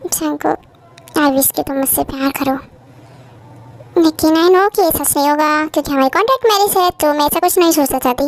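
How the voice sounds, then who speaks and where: Young wistful wife, voiced by a woman, very high pitched, soft pleading tone, amateur fan dub. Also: normal speed.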